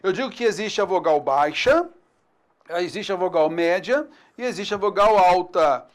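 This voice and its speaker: Teaching through a video lesson, a Brazilian-accented man speaks in a high-sitting, expressive voice. He chats freely, frequently checks in with viewers, and slowly pronounces each syllable.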